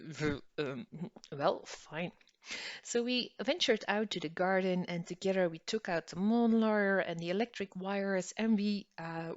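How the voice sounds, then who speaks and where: A woman from northern Belgium teaches a psychology concept and then slips into a personal anecdote, acting out both sides of a conversation. Her voice sits low, and the recording is dry and slightly muffled, with no room sound. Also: dry recording. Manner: storytelling, acts out dialogue with lively pitch jumps. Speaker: lecturer. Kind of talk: educational talk with personal story.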